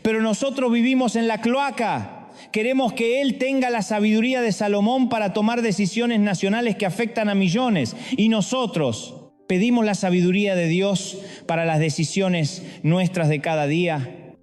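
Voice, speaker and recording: A man's voice: high voice, moderate pace, a little mellow, big-room sound, soft background music. A man preaching a sermon, firing off dramatic rhetorical questions.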